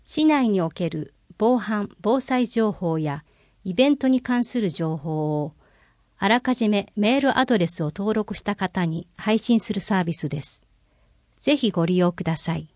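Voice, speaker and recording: Woman calmly reading a city bulletin. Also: medium pitch, no echo, studio quality. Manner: clear, measured, informative reading, slowing for numbers. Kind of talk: scripted reading of public notices.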